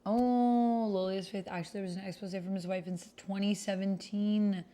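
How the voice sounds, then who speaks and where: A woman with a mellow, medium-pitched voice chats casually on stream at normal speed, her intonation fairly even. She thinks aloud while playing a text-based roleplaying game and reading its text out.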